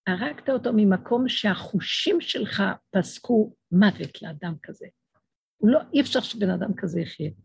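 Impassioned middle-aged woman with a gravelly voice. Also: lively intonation, a little mellow, no echo. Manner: impassioned, acts out dialogues with swinging pitch. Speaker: religious speaker. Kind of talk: emotional religious talk to an audience.

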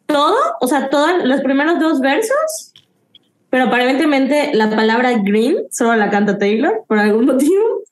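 A woman with a fairly high voice and a Mexican accent talks casually as a podcast co-host. She speaks slangy Spanish and drops in English words, Spanglish style. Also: very animated, moderate pace. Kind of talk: casual chat about song lyrics.

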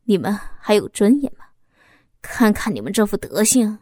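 A woman's voice: medium pitch, animated, moderate pace, close to an everyday voice. A woman playing a cold, scornful husband. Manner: icy and scornful, sharp bursts of anger. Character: cold, contemptuous husband, middle-aged man.

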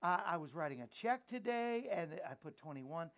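A man's voice: a little high, lively intonation, normal speed, a bit bright. A man hosting a show in an easygoing, playful way, chatting and joking with his crew and viewers. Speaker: host. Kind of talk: casual chat.

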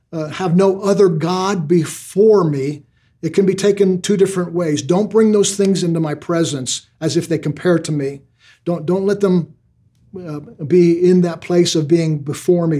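A man's voice: a little high, dark tone, breathy edge. An older man preaching a sermon, earnest, often repeating words as he builds each point. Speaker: pastor.

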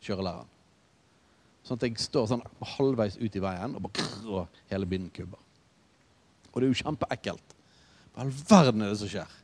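A man preaching a sermon in a relaxed, conversational way, telling stories with asides. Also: fairly low pitch, long pauses. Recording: reverberant hall.

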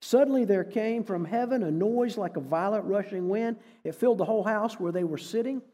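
A middle-aged guest speaker tells a story in a conversational sermon style in a church hall, his voice high-pitched and warm and his pace a little fast. He's folksy and quotes dialogue as he goes, and the hall sounds echoey.

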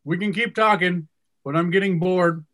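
A man's voice: high voice, moderate pace, a bit bright. A man acting as judge of a mock debate, dry and impatient, cutting the arguers off to steer them back on topic. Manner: dry, impatient, cuts others off. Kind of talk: mock-trial moderating.

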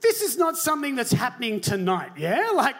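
A man's voice: very high-pitched, huge pitch swings, a little fast, a bit bright. A man giving a comic debate speech on stage, mock-sincere, stammering and asking the crowd rhetorical questions. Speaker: comedy debater. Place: comedy venue before a live audience.

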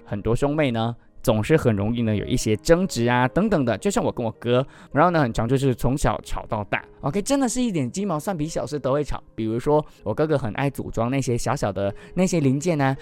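A man telling a picture-book story aloud with animated, expressive delivery and then discussing it. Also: mid-range voice.

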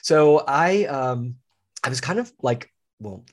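A man's voice: on the high side, slow. A middle-aged man, a podcast guest, telling stories from his career in a casual interview and acting out what other people said. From lives in Florida. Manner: animated storyteller who acts out quoted voices and laughs often. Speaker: podcast guest, business owner.

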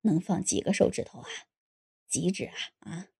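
A woman's voice: normal speed, heavily acted. A woman voicing a sly, lecherous man in his late sixties in an audiobook, coaxing and insinuating. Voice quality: low gravelly voice. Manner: coaxing, insinuating, sometimes hushed. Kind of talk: audiobook character voice.

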